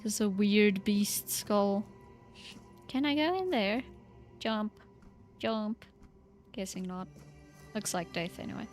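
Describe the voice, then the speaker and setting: Slow-talking woman streaming a game. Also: mid-range voice, soft background music. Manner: chatty self-talk, giggly, trailing off mid-thought. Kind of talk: casual livestream commentary.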